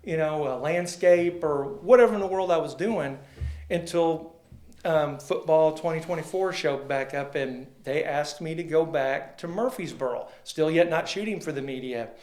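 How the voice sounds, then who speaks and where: A man's voice: fairly high pitch, moderate pace, darkish tone. A man, a sports photographer guest telling rambling, folksy stories and acting out quoted dialogue. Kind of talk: casual storytelling interview. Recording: roomy echo.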